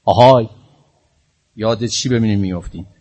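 A man preaching a religious sermon with a husky, fairly low voice. He tells the story in a lively way and builds up to passionate appeals. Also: soft background music.

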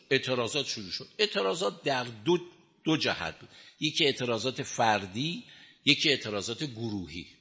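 Guy preaching, retells old stories, punchy and chatty, crisp bright voice. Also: mid-range voice. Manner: emphatic colloquial storytelling. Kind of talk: religious lecture with storytelling.

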